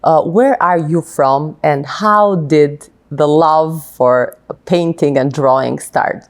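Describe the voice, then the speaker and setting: A woman with a low voice speaks slowly while hosting a bilingual TV interview. She switches between languages and often hesitates with fillers.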